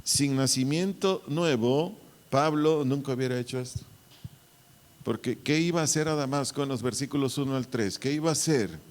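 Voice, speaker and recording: A man, a pastor, giving a Bible teaching, deliberately repeating and spelling out key words. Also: mid-range voice. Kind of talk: Bible teaching to church servers. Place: church hall. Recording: long hall reverb.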